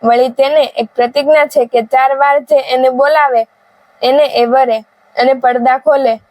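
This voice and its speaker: A woman's voice: high voice, steady tone, measured pace, darkish tone, no room sound, poor audio. A woman voicing a group of wary village women in a folk tale, cautioning and matter-of-fact.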